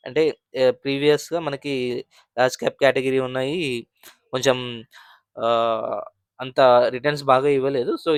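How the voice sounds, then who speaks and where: A man's voice: mid-range voice, no echo, clean studio sound. A man hosting a finance channel, explaining mutual fund figures in a conversational way, with frequent fillers and restarts. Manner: conversational, many fillers and restarts, mixes English terms.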